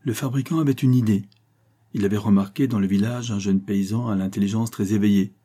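A man reads a short story aloud, his voice low and husky. The telling is measured and even, with a mellow, dark tone. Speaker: narrator. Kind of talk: audiobook reading of a short story.

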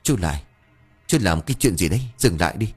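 A man's voice: low voice, very animated, fast, slightly rough, soft background music, heavily acted. A man voicing a frightened older brother who begs and pleads through tears. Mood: pleading. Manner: begging, tearful pleading.

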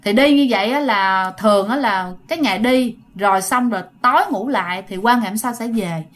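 A woman's voice: fairly high pitch, moderate pace, fairly bright tone. A woman telling ghost stories casually, talking straight to her listeners. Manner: chatty, addresses listeners directly. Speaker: storyteller.

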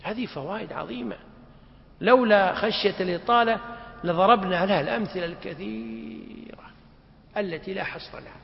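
A man's voice: high voice, very animated, brisk, gravelly. A man teaching a class, explaining a text with asides and corrections. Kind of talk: classroom lecture. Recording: muffled recording in echoey hall.

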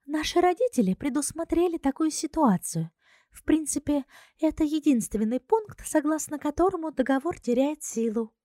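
A sly young princess, put on by a woman narrator, soft and airy but quietly smug. She speaks high and light and never raises her voice. The reading is dry and close. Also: animated, moderate pace, dry recording. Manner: soft, airy, self-satisfied.

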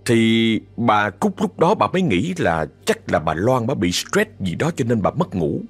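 A man's voice: fairly low pitch, very animated, measured pace, breathy edge, faint music behind. A man with a Southern Vietnamese accent telling a ghost story in a chatty way, often speaking straight to his listeners. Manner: chatty, addresses listeners directly. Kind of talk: told horror story.

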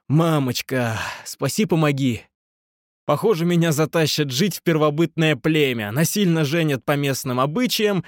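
A man narrates a novel in the first person with a somewhat high, very lively voice. He plays up his hero's indignation in theatrical outbursts. The recording is dry and close. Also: dry recording. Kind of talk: audiobook narration of a romance novel.

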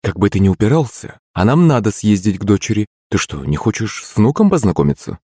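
A man's voice: lowish voice, big pitch swings, brisk, breathy edge, no echo, studio quality. A man voicing a proud, bossy elderly countess and grandmother who scolds and teases her husband in an audiobook. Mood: scolding. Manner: sharp, teasing, insistent.

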